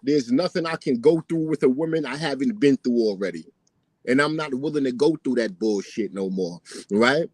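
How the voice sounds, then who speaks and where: A man's voice: mid-range voice, normal speed, slightly rough, no echo, poor audio. A man in his late thirties rants bluntly and casually, swearing often and tagging nearly every point with "right?". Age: 30s. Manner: profane, repeats himself when pressed. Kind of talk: casual ranting monologue.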